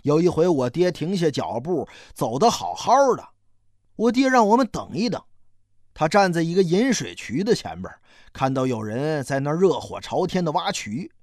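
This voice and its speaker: A storyteller narrating a novel in an expressive, slow and dramatic manner. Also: medium pitch, no room sound, clean studio sound.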